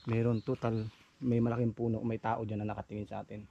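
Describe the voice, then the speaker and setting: A man's voice: fairly low pitch, flat delivery, fast talker, gravelly, lo-fi sound. A man guiding a hike through an outdoor forest, murmuring short, uneasy remarks. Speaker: local guide on a hike. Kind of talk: casual chat.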